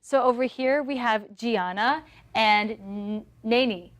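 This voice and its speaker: A woman's voice: on the high side, slow, fairly bright tone, no room sound. A woman playing a peppy talent-show host. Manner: upbeat presenter patter.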